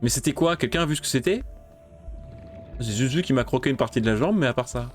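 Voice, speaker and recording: A man's voice: medium pitch, lively intonation, fast talker, faint music behind. A man giving casual let's-play commentary, talking to the game's creatures and yelping when he gets startled. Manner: jumpy, talks to game creatures, yelps when startled. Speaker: gameplay streamer.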